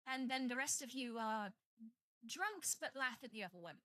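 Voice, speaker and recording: On a live stream, a young half-Welsh, half-English woman from Britain chats and jokes with viewers, swearing liberally in her British accent. Her animated voice sits on the high side with a sharp tone and a moderate pace. The recording is dry and studio quality.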